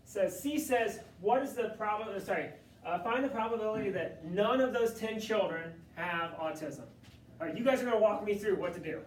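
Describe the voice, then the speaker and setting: A man's voice: sits high, moderate pace, slight background noise. A male math tutor leading a classroom session, joking and coaxing students through each step. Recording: echoey room from far off.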